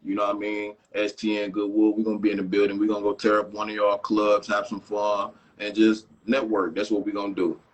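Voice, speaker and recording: A man's voice: fairly low pitch, monotone, fairly quick, few pauses, low-quality recording. A man from Detroit, a guest in a casual interview, talking in a hyped, slangy way. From Detroit, Michigan. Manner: hyped, slangy, laughs a lot.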